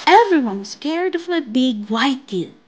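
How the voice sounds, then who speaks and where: A woman voicing a friendly, lonely young male shark in a storybook, speaking softly and wistfully. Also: high-pitched, sing-song, measured pace, husky, highs cut off, full character voice.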